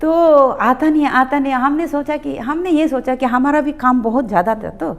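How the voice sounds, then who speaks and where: A woman's voice: sits high, normal speed. A middle-aged woman from Arunachal Pradesh, a public health nursing officer and guest, telling a story in conversational style and acting out the exchanges. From Arunachal Pradesh, India. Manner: animated, acts out quoted exchanges, mixes in English words.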